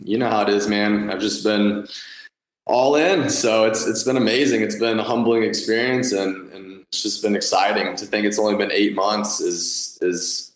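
Male guest, late 20s, enthusiastic chatty founder, lowish voice, echoey room. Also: fairly even intonation, moderate pace, noisy background. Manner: enthusiastic, many fillers and restarts. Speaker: guest, nutrition company founder. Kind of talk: conversational podcast interview.

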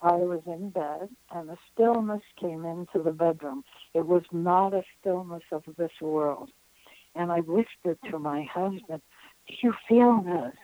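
A woman in her nineties, a spiritual counselor being interviewed, telling an experience in an earnest, reflective way with frequent pauses. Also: lowish voice, fairly even intonation, dry recording, narrow, tinny audio. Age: 90s.

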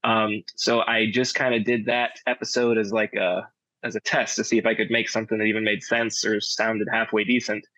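An audio drama director and sound designer talks casually in an interview, coming across as modest and understated. His lowish voice has a level tone, a moderate pace, and a sharp edge, captured on a dry, dull lo-fi recording with no echo.

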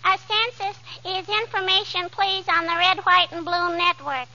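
A woman's voice: very high voice, steady tone, normal speed, vocal fry, pushed and bright, heavily acted. An American woman playing a cheeky, pestering little girl in 1940s radio comedy, with a childish, contrary, singsong delivery. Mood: pestering, know-it-all. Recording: dull, faintly noisy vintage radio recording.

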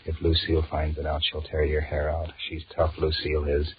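Very deep, completely flat, slightly rough and a little fast, this heavily acted voice belongs to a 1940s radio drama performer. He portrays a tired, restless husband in business who grumbles and flirts with his secretary, in both inner monologue and dialogue, on a muffled, hissy recording.

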